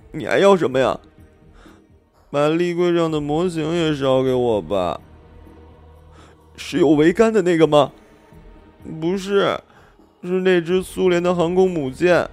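A gentle young man's ghost speaks softly and tenderly through a medium, as a male storyteller puts him on. His words come out slowly, and faint music sits behind him in this audiobook. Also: on the high side, lively intonation, pitched above the performer's own voice. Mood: calm. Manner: soft, slow and tender. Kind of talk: audiobook character voice.

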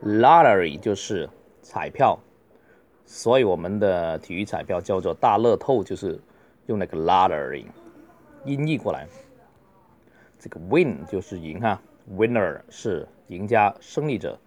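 A man's voice: low voice, animated, a little mellow. A man teaching a beginner English class, reading phrases aloud and explaining them in Mandarin with influence. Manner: reads drills slowly, then explains.

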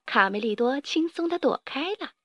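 A woman storyteller reading a children's story with lively, expressive narration. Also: high voice, normal speed, no room sound.

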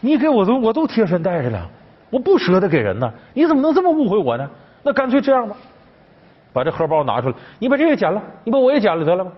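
A man's voice: high-pitched, wildly swooping pitch, fast, husky, voice pushed up, exaggerated voice. A man voicing a hurt, exasperated young nobleman, pleading in a raised, indignant voice. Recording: dull, with background music.

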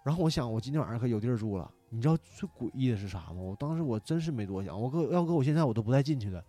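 A man telling a story in casual chat, animated and swearing, shouting out parts of the tale. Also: medium pitch, rapid-fire. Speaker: podcast guest.

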